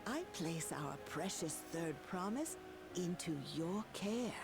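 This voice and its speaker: A woman playing a gentle elderly nursemaid in a video game, speaking in a measured, formal and tender way. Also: on the low side, expressive. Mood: tender, encouraging. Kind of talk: video game cutscene acting. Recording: loud game music behind the voice.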